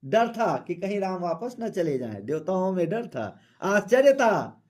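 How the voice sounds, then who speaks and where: Male Hindi teacher, high-pitched and unhurried, reciting verse slowly and then explaining it plainly. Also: sing-song, a little mellow. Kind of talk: poem explanation lesson.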